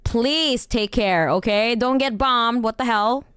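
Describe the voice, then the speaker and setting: Woman streamer, smooth and dry. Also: fairly high pitch, slow pace, a bit bright, no echo. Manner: rambling, laughs often, swears casually. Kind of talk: casual livestream chat.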